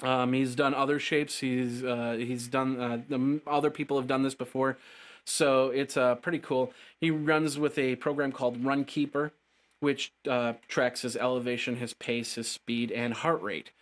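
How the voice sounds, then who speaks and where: Man, tech show host, mid-pitched, chatty, upbeat, stumbling over words. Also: little pitch movement, moderate pace. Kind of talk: casual tech news commentary.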